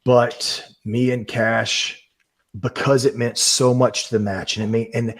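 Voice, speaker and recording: A man's voice: mid-range voice, level tone, a little slow. A man in his thirties, a guest on a podcast, telling a story in an earnest, emotional way and swearing freely. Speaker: professional wrestler, guest.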